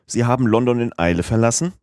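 A man voicing a suspicious police agent who asks calm, coaxing questions, in an audiobook reading. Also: mid-range voice, fast talker, clear, resonant tone, no echo, studio quality, voice pushed up, close to an everyday voice. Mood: probing. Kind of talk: audiobook character voice.

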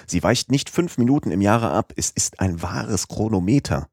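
A man's voice: fairly low pitch, moderate pace, breathy edge, no echo, clean studio sound, pitched above the performer's own voice. A male audiobook reader voicing a chatty, naive young French manservant who talks eagerly and a little proudly. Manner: talkative, excitable, proud.

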